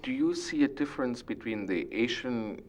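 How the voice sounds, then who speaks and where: A man's voice: medium pitch, animated, moderate pace. A man asking interview questions in a plain, polite way.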